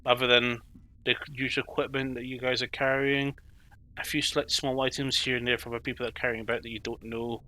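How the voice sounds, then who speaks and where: Bright-voiced man running a tabletop game. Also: medium pitch, flat delivery, brisk. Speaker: game master. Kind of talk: unscripted tabletop game narration.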